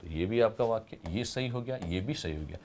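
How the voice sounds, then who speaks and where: A man's voice: lowish voice, animated, a little fast, darkish tone, slight background noise. A man teaching an exam solution lesson with a Rajasthani accent, explaining step by step and answering his own questions.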